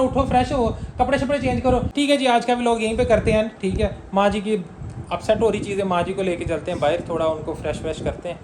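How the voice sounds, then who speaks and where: A young Punjabi man runs a family vlog and talks quickly and persuasively, reassuring his mother again and again. His voice carries a roomy echo, with a faint hiss underneath. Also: high voice. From Punjab, Pakistan. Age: young adult. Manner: coaxing and reassuring, repeats "theek hai na?". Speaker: family vlogger. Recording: roomy room with faint noise.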